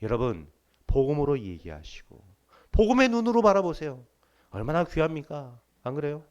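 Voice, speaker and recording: A man's voice: fairly high pitch, sing-song, normal speed, darkish tone, dull audio. A middle-aged man preaching a sermon in church, emphatic and humorous, while sick with body aches. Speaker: pastor. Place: church sanctuary.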